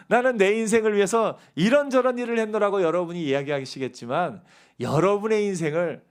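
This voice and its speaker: A man preaching an evening church sermon as pastor, swinging from raised, pleading lines to soft, quiet asides. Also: high voice, clean tone.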